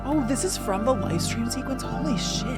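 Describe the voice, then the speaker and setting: Lively young woman streamer chatting. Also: on the high side, normal speed, over loud music. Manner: excitable, swearing, chatty. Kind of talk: casual live-stream reaction chat.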